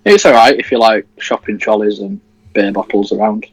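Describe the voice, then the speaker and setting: A man's voice: on the low side, normal speed, husky, no echo, rough recording. An eighteen-year-old man from Leeds co-hosts a football watchalong stream in an easygoing, jokey way. His voice is recorded dry and close, with no room sound. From Leeds, England. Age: teens. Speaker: livestream co-host. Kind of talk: casual football watchalong chat.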